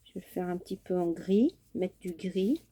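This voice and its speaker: A woman's voice: lowish voice, moderate pace, warm tone, husky. A woman chatting casually through a crafting tutorial at her home craft table, homely and talkative, with many fillers. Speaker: craft vlogger.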